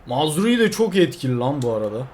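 A young man commenting on his own football video game, getting frustrated and yelling at the players. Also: mid-range voice, very animated, a little fast. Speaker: gameplay streamer.

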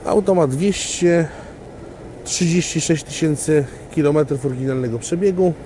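Guy walking round a car on a windy lot, mellow low-key voice, bit of wind noise on the camera mic. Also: moderate pace. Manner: chatty salesman, upbeat, addresses viewers directly. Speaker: used car dealer presenting a car. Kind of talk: casual walkaround car presentation. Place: outdoor gravel car lot on a windy day.

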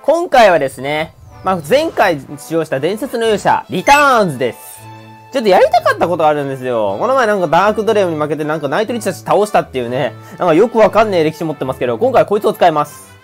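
Excitable man yelling over game music. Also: sits high, fast talker. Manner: loud excitable outbursts and yelps. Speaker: game commentator. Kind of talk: excited let's-play commentary. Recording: faint background music.

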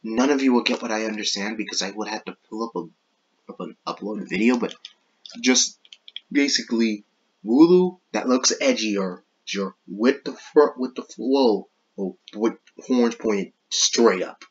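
Casual male gaming vlogger, slightly low and husky, self-interrupting, apologetic, muffled home-mic sound. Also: measured pace. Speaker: YouTube gaming channel host. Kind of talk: casual rambling commentary.

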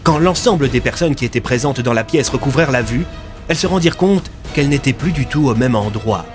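A man reading a dramatic audio story in a steady, expressive voice. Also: medium pitch. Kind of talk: scripted dramatic narration. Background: faint music.

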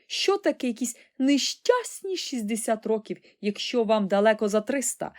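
Showy eccentric old man voiced by a woman, crisp, loud, very sure of himself. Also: on the high side, very animated, moderate pace. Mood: brisk announcing. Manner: crisp, announcing, self-assured.

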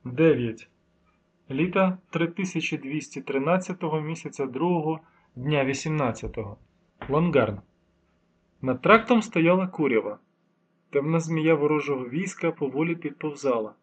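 A man reading a fantasy novel aloud as an audiobook narrator, in steady storytelling. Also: fairly high pitch, normal speed, breathy edge. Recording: dull lo-fi recording.

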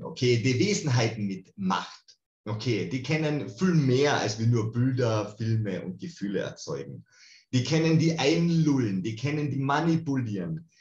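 A man gives an online lecture on spiritual healing, talking animatedly and casually and often checking in with "okay?". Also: mid-range voice. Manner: animated, colloquial, keeps asking "okay?". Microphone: video call. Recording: roomy, dull video-call audio.

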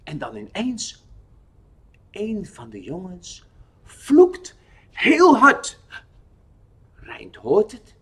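Man, children's Bible storyteller, slow and slightly husky, very animated pitch. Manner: expressive, questioning the listener.

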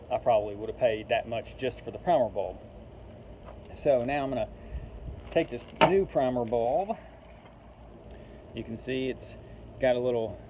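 A man in his thirties talks through a hands-on fix in an easy, practical way, as if showing a friend. The sound is thin and phone-like. Clear background noise from outdoors runs under his voice. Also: medium pitch. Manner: relaxed, step-by-step explaining while working with tools. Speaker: DIY repair vlogger. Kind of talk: casual how-to narration. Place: outdoors at the open back of a vehicle. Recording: tinny phone audio, noisy outdoor background.

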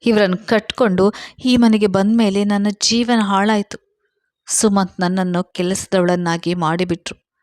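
A woman's voice: medium pitch, steady tone, measured pace, a little mellow, no echo, lightly acted. A woman reading a storybook voices a self-pitying young housewife who talks in a crying, complaining tone. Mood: tearful.

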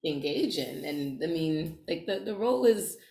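Low-voiced actress in a roomy space. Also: female voice, expressive, moderate pace, vocal fry, dark tone. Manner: thoughtful, searching for words. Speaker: actor. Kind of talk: interview answers.

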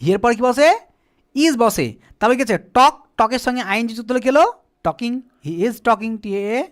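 A man's voice: extremely high pitch, lively intonation, normal speed. A man teaching beginner spoken English at a board. His first language is Bengali. He keeps asking the class questions, answers them himself and spells words out letter by letter.

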